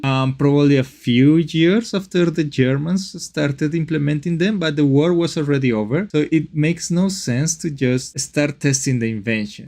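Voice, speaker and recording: A man who is not a native English speaker, giving casual live stream commentary and thinking aloud in a halting, repetitive way. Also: medium pitch, darkish tone. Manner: halting, repeats phrases and questions to himself. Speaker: streamer reacting to a video.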